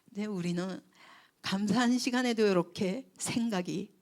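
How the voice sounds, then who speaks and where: A woman's voice: mid-range voice, moderate pace, darkish tone. A woman pastor delivering a sermon, telling the story expressively, asking the congregation rhetorical questions and sometimes dropping to a whisper for emphasis. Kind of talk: sermon at a church retreat.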